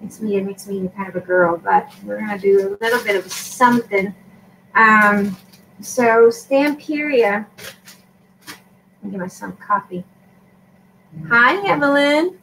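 A woman's voice: mid-range voice, a little slow, gravelly, fairly bright tone, distant mic, slight background noise, low-quality recording. Chatty woman rambling through a craft tutorial. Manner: chatty and rambling, with many fillers. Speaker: craft vlogger and shop owner. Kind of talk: casual crafting tutorial chat.

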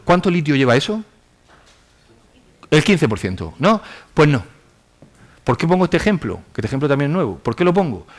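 A man giving a public science lecture in an animated, ironic way, acting out quotes in mock voices. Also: on the high side. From Spain. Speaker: university lecturer. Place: lecture hall with audience.

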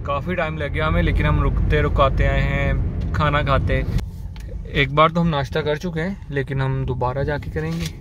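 A young man with a Pakistani Urdu accent chats casually to his viewers, his voice sitting a little high for a man. He films himself on a phone held at arm's length, in the car or at roadside stops. Road and engine noise hum clearly behind him. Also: fairly even intonation, normal speed, highs cut off. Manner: chatty, talking to viewers while driving. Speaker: vlogger. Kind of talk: casual travel vlog narration. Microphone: phone or camera held at arm's length.

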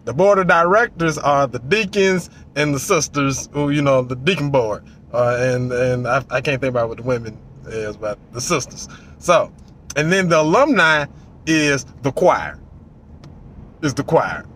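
A man in his forties giving animated, casual commentary from inside a parked car, acting out voices and swearing freely. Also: medium pitch, unhurried, a little hiss or hum. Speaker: vlogger. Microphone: phone on the dashboard.

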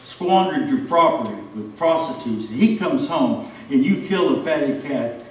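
A man's voice: a little high, lively intonation, normal speed, heavy reverb, distant mic, slight background noise, voice pushed down, lightly acted, low-quality recording. A man preaching, voicing a resentful older brother who rants indignantly. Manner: indignant ranting.

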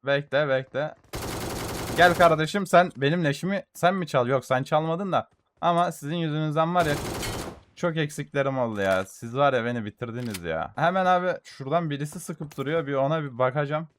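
A young man giving gameplay commentary for a mobile shooter, excitedly taunting enemies and muttering to his audience, with gunfire behind him. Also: fairly high pitch, fairly quick, background noise. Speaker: gaming YouTuber.

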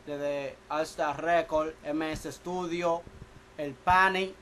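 A producer man talks loosely in a small studio, bragging and cracking jokes in street slang. His voice sits a little higher than most men's, and a faint hiss runs under the camera mic. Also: steady tone, slow pace, a bit bright, poor audio. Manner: boastful, joking, slangy. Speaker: music producer. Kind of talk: casual studio chat.

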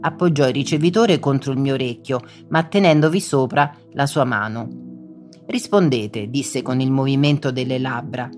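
An audiobook narrator reading a first-person story in a measured, dramatic way. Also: mid-range voice, a little mellow, faint music behind.

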